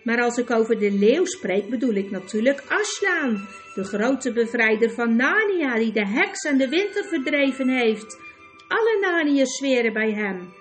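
A woman's voice: on the high side, sing-song, a little slow, faint music behind. A woman voicing a vain, pompous male talking warhorse in a storybook reading, haughty and easily flustered. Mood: lofty.

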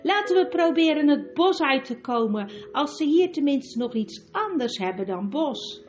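A woman's voice: high-pitched, very animated, moderate pace, voice pushed up. A woman voicing a sensible older schoolboy who exclaims and leads the others in a storybook reading. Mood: steady. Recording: dull recording with music behind.

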